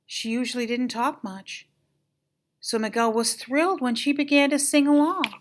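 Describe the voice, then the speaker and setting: A woman's voice: on the high side, moderate pace. An older woman with a grandmotherly voice reads a children's story aloud, expressively and with dramatic emphasis. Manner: animated, dramatic emphasis on exclamations and key moments.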